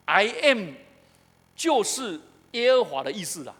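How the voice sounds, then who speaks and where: Animated Taiwanese pastor, high voice. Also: male voice, unhurried, breathy edge. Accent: Taiwanese Mandarin. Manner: animated, asks the congregation questions. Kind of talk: sermon. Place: church sanctuary. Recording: echoey church hall.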